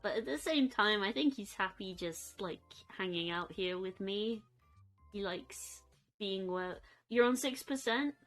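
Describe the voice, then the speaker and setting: A young woman chatting casually on a live stream from her bedroom, soft and rambling, cooing at her pets. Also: medium pitch, lively intonation, unhurried, soft background music.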